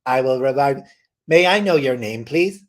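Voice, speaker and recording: A man's voice: mid-range voice, animated, normal speed, close to an everyday voice. A man voicing an automated camper as a machine in improvised comedy, with a stiff, announcing delivery. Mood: robotic.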